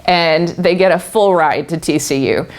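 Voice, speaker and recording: Speaking at a normal speed in a lowish voice, this middle-aged guest speaker from Texas shares her own story with a live audience. She frequently breaks into laughter and begins sentences over again.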